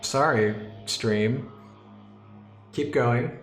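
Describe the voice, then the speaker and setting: A man's voice: mid-range voice, extremely slow, reverberant, faint music behind. Joking man running a tabletop game. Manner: joking, self-deprecating. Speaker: dungeon master. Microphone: desk mic for a stream.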